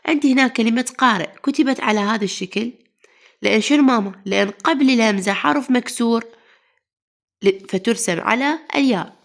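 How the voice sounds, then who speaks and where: Iraqi woman teacher, slightly high voice. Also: brisk. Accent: Iraqi Arabic. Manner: asks the class then answers herself, calls pupils "mama". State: unwell. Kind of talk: classroom grammar lesson.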